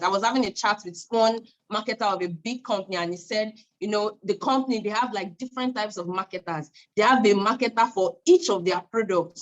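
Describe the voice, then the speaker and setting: A woman's voice: medium pitch, lo-fi sound. A woman with a Nigerian accent giving informal business advice, emphatic and repeating phrases for stress.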